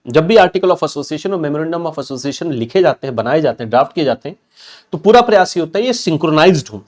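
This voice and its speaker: Chatty teacher, slightly high voice. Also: male voice, a little mellow. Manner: chatty, repeats points and checks in with students. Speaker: exam prep teacher. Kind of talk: online banking law lecture.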